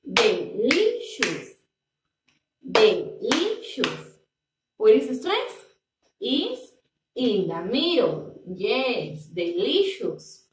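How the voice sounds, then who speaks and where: A woman teacher, leading a bilingual English lesson and drawing out words slowly as she repeats them for pronunciation drills. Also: fairly high pitch, wildly swooping pitch. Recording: echoey room, distant mic, faint noise.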